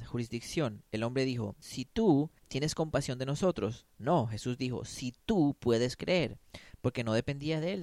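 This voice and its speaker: A man's voice: mid-range voice, a little mellow, no room sound. A man preaching a sermon, emphatic, often asking his listeners questions and acting out the quoted voices.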